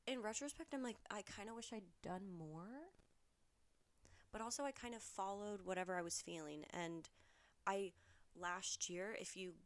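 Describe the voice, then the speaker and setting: Low-voiced woman rambling on her podcast. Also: gravelly. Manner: rambling and candid, with casual swearing. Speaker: podcast host. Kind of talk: casual solo podcast chat.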